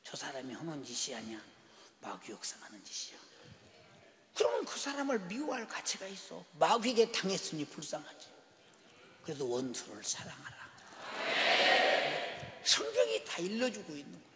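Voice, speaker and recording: A man preaching an emotional church sermon. He swings between hushed whispers and loud shouts and keeps tossing rhetorical asides to the congregation. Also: a little high, huge pitch swings, normal speed, pauses often. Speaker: pastor. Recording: long church hall reverb.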